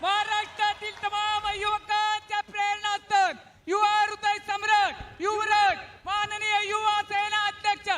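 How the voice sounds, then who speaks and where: A man with a Marathi accent announcing at a rally, declaiming long strings of honorific titles in a drawn-out way. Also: very high voice, completely flat delivery, bright, forceful tone. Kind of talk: ceremonial announcing.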